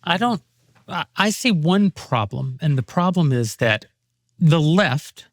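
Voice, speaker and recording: A man on a discussion panel, laying out an argument in measured, full sentences. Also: a little high, animated, no room sound, clean studio sound.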